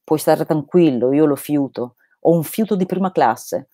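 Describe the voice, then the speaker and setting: A woman's voice: deep voice, moderate pace, mellow, no echo, studio quality. A woman reading aloud the lines of an eccentric, vehement male holy fool, in an emphatic read-aloud delivery. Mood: insistent.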